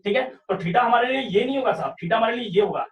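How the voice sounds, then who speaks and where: High-voiced maths teacher, echoey room. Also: male voice, animated, quick pace, far from the mic. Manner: explains step by step, often asks "sahi hai kya?". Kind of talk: online revision class lecture.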